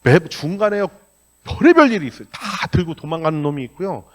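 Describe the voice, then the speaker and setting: A man's voice: on the high side, brisk. A middle-aged male pastor giving a sermon, telling stories in a blunt, colloquial way and acting out the dialogue. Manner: animated storytelling with acted-out dialogue. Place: church sanctuary.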